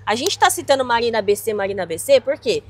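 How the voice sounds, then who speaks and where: Podcast host: woman, 40s, high voice, emphatic and emotional. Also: very animated. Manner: emotional, emphatic, quick exclamations. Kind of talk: conversational interview.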